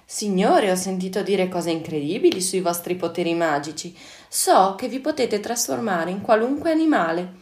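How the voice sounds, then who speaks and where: A woman's voice: lively intonation, moderate pace, a little mellow, close to an everyday voice. A woman voicing a sly, clever male cat servant in a storybook reading, fawning and crafty. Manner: fawning, then shrill cries for help. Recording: echoey room.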